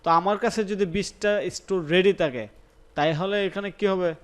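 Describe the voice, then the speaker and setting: A man's voice: high voice, normal speed, smooth. A young man with a Sylheti-tinged Bangla accent teaching a live online class, thinking aloud, repeating words and checking that students follow. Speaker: instructor.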